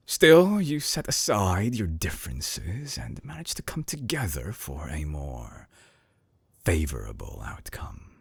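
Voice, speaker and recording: Very deep, gravelly, seductive villain Dottore. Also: male voice, no room sound, exaggerated voice. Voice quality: husky, gravelly. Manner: slow, theatrical, teasing, sliding into breathy whispers. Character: suave obsessive male villain scientist, menacing, seductive, mocking. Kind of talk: intimate binaural audio roleplay drama. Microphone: close binaural microphone.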